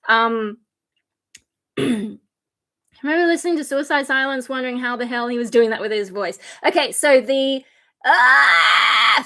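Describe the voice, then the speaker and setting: Fairly high-pitched, bright and forceful, the voice comes from a woman streamer and metal vocalist who sounds tired, worn down to fry. She chats casually about screams, explanations loose and filler-heavy. Now and then she launches into harsh unvoiced scream demos.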